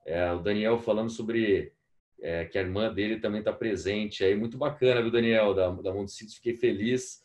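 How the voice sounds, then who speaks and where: A man's voice: on the low side, steady tone, normal speed, darkish tone. A young adult man with a Brazilian Portuguese accent, hosting a live online masterclass and chatting while reading out audience messages.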